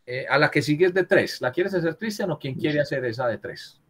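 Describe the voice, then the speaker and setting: Husky male teacher on a video call. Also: fairly high pitch, expressive, a little fast. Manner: corrects students, keeps asking "¿cierto?". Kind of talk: virtual class lesson on writing.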